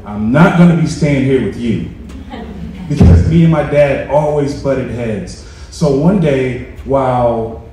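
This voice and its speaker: A man's voice: mid-range voice, mellow, a little hiss or hum. A man in his thirties from New York giving a personal story speech in a large meeting room, earnest and building to emphatic peaks, on a handheld mic. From Rochester, New York. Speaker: veteran speaker. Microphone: handheld mic heard from far off. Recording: echoey room from a distance.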